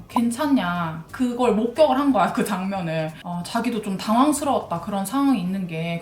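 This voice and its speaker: A woman vlogger tells a story while doing her makeup, blunt and animated, with casual swearing. Her voice sits a little high and swings widely in pitch. The room adds a noticeable echo. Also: a little hiss or hum. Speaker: beauty vlogger.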